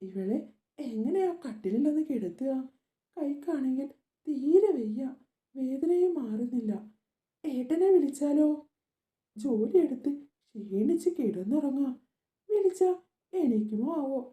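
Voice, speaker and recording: A woman voicing an anxious young mother doll in a homemade doll story, talking softly and soothingly as she fusses over a sick child. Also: high voice, lively intonation, unhurried, pauses often. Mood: worried. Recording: echoey room.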